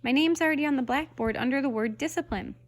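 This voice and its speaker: A woman's voice: high-pitched, quick pace, pitched above the performer's own voice. A woman voicing a stubborn but tempted schoolboy in a storybook reading. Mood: protesting. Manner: protesting, earnest.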